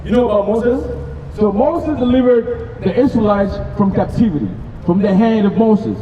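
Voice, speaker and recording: Loud high-voiced male street preacher. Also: animated, normal speed, lo-fi sound, a crowd in the background. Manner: loud, emphatic, quizzing passers-by. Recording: distant, echoey street recording with music.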